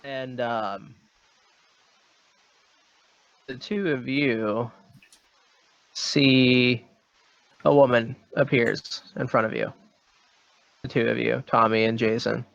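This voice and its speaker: Man game master, gravelly voice, rambling hesitant narration, dry dull lo-fi sound. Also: medium pitch, steady tone, slow, long pauses, a bit bright, dry recording. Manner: hesitant, rambling, full of ums and kinda. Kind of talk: narrating a tabletop horror game.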